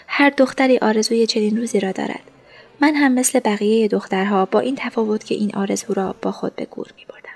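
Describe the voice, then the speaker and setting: A woman narrating a first-person audiobook story in a soft, hushed manner. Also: mid-range voice, gravelly.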